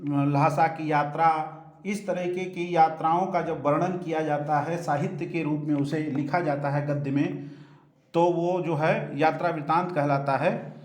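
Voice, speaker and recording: A man's voice: fairly high pitch, steady tone, unhurried, roomy sound. A man teaching through an exam paper, explaining each answer to students with fillers and self-corrections. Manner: explanatory, addresses students with "dekhiye". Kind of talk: exam paper solution lesson.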